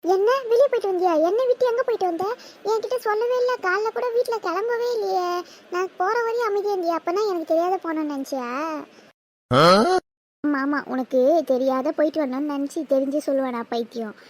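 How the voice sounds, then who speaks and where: A woman voicing a loud, whiny teenage village girl in a cartoon, who shouts and teases. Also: steady tone, a little fast. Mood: shrill teasing. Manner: shrill shouting and teasing. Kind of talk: cartoon voice acting.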